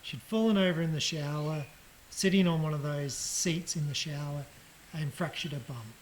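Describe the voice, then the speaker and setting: A man giving a casual personal account of his hospital stay, halting and reflective, with frequent ums and restarts. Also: on the high side, slight background noise, rough recording. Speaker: patient recounting his surgery.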